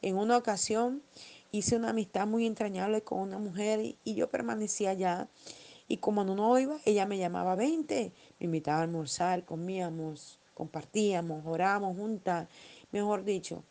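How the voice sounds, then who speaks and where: Gravelly-voiced woman preaching a sermon. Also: medium pitch, fairly even intonation, brisk, warm tone. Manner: emphatic, fervent preaching with quoted scripture.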